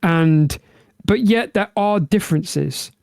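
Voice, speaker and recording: Male podcast co-host, slightly high and smooth, rambling casual chat, dry sound. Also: slow, a little mellow, dry recording. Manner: rambling, with many restarts. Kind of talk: casual chat about game music.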